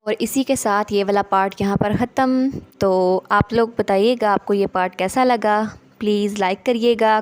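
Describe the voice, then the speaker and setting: A woman's voice: mid-range voice, smooth. A woman host closing a story video with polite, friendly appeals to viewers. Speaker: channel host. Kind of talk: video outro.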